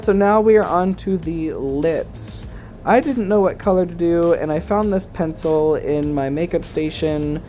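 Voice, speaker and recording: A man's voice: fairly high pitch, dark tone. A man talking as a sassy, campy, chatty drag queen in a casual makeup tutorial voice-over.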